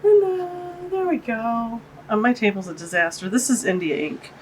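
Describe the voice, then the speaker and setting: Fairly high-pitched and stuffy-sounding, the art channel host talks at a moderate pace with lively intonation, gushing, chatting and cooing over tiny things as she unboxes art supplies in a casual vlog. She's filmed from overhead at a tabletop in her home art studio, captured by a camera-mounted shotgun mic in a rough recording with a little hiss or hum.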